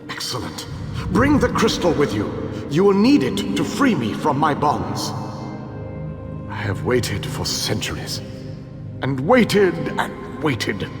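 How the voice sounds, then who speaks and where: An actor playing a proud, ancient imprisoned elven king in a fantasy game, speaking with grandiose self-assurance and theatrical pauses. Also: medium pitch, huge pitch swings. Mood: wry, weary. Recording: long hall reverb, music underneath.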